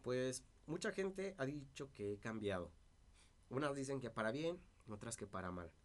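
A party politician with a dry, expressive voice of medium pitch speaks at a moderate pace. As a guest in a relaxed interview, he walks through disputes from his past.

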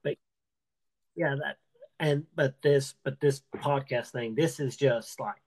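A man's voice: mid-range voice, takes it slowly, darkish tone. Earnest stammering male podcast host. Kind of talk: casual interview talk.

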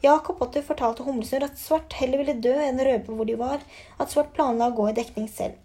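Storybook: a woman as a stern older professor, quiet and dark. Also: sits high, steady tone, natural voice.

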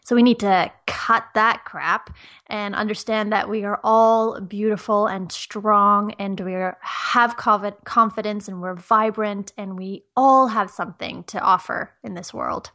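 A woman's voice: medium pitch, fairly even intonation, unhurried, pushed and bright. A woman from Ireland, a guest on a trivia podcast, chatting casually and laughing easily over a remote call. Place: home near Toronto.

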